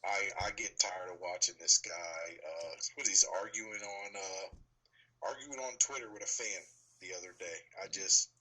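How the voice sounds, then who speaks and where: Male sports co-host, opinionated and rambling, lowish raspy voice with real bite. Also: measured pace, pushed and bright, low-quality recording. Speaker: sports talk show co-host. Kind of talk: casual sports chat.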